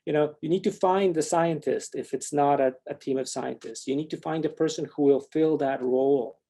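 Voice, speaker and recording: A man's voice: fairly high pitch, fairly even intonation, moderate pace, mellow. A man from Poland giving a talk and answering audience questions, reflective and wry, with frequent restarts.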